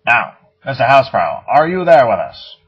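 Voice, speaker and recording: A dry, sardonic duck anchor with a lively, husky voice, as a man plays him. The recording sounds dull and lo-fi. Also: mid-range voice, normal speed. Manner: deadpan interviewer. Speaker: host. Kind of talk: parody news interview.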